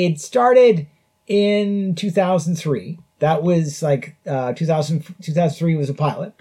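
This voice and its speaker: A man's voice: high voice, darkish tone. Chuckling man hosting a casual podcast. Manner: chuckles often between phrases. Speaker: podcast host. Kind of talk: casual review chat. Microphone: podcast mic.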